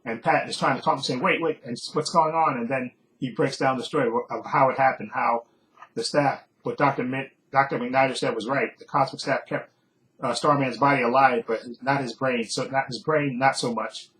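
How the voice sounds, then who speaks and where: A man's voice: medium pitch, fairly even intonation, moderate pace, fairly bright tone, rough recording. A man casually recapping a TV episode as a reviewer, rambling with fillers and frequent chuckles. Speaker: TV show reviewer.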